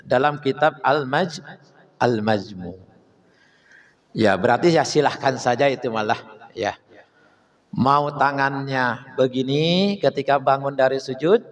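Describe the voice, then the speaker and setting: A man giving an Islamic text study lecture as a religious teacher, reading Arabic passages and explaining them step by step, often asking questions and answering them himself. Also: mid-range voice. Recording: long hall reverb.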